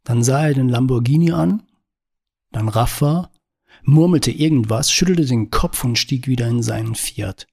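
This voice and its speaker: A man reading a novel aloud in calm, measured narration. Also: mid-range voice, gravelly, breathy edge. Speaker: audiobook reader. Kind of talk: scripted narration.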